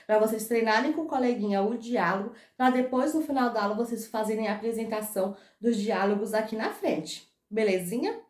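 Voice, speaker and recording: A young woman with a Brazilian accent leads a grammar lesson, with a bright, high voice. She slows down to model each phrase and keeps asking whether it is easy. The recording has an echoey room sound. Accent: Brazilian Portuguese. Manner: patient, drawn-out model phrases, diminutive reassurances. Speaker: English teacher.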